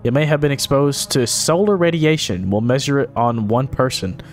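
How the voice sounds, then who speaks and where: A man voicing a calm official in a hazmat suit from a game, in a flat procedural tone. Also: mid-range voice, normal speed, faint music behind, close to an everyday voice.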